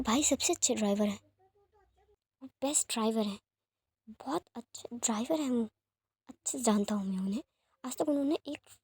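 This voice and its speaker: A woman voicing a calm, protective young man who speaks in a measured, soothing way. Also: high-pitched, husky. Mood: troubled.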